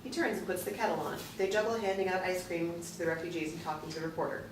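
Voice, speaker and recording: Woman reading screenplay directions, kinda low voice, really echoey, mic far off. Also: fairly even intonation. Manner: measured, matter-of-fact. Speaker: narrator. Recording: roomy, distant from the mic, faint noise.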